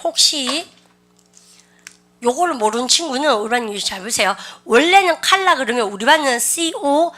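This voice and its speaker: A woman teaching an English vocabulary class, lively and coaxing, constantly asking her students questions and mixing English words into her lecture. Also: high-pitched, moderate pace. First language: Korean.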